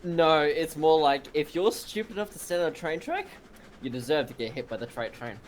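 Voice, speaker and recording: Young man, casual gameplay chat, joking, blunt, rambling, very lively pitch, faint hiss behind. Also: brisk.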